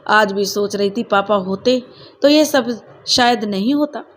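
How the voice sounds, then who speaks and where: A woman's voice: medium pitch, measured pace, a little hiss or hum. A woman narrating a sad family story in an emotive, dramatic way.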